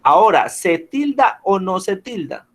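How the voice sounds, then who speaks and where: A man leads an online class, his voice sitting a little high for a man. He explains each point patiently and keeps asking whether his students follow. The sound comes through a video call. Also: sing-song, a little slow. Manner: patient, checks in with frequent questions. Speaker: teacher.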